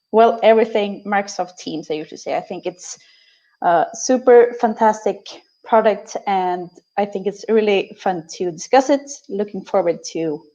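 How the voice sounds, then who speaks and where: A woman's voice: medium pitch, mellow, muffled recording. A woman from Sweden introducing herself on a live online panel, cheerful and enthusiastic. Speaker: panelist, workplace specialist.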